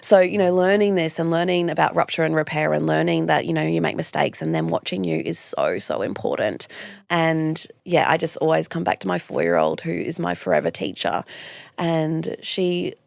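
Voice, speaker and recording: A woman's voice: sits low, expressive, normal speed, gravelly, dry recording. A woman, a guest talking earnestly and reflectively in a podcast interview. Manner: earnest, reflective, frequent restarts. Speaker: guest, clinical nutritionist.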